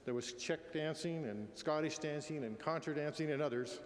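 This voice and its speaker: A man's voice: a little high, moderate pace. Tender, faltering older man in an echoey hall. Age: 60s. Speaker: widower giving a eulogy. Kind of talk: eulogy, spoken address. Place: large echoey room at a memorial gathering. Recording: echoey hall with long reverb.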